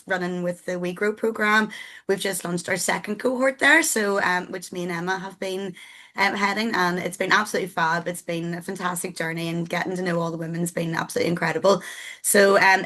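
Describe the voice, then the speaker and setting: Bubbly, slightly croaky woman. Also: on the low side, a bit bright. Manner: bubbly and encouraging. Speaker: enterprise team member. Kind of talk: online webinar presentation.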